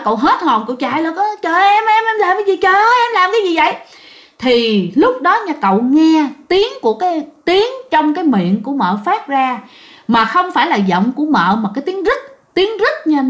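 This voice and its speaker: A woman spins eerie tales for her listeners in a relaxed, chatty way. Her voice sits fairly high. She is dramatic and stacks up repeated words for effect. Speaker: storyteller. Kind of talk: casual ghost story telling to listeners.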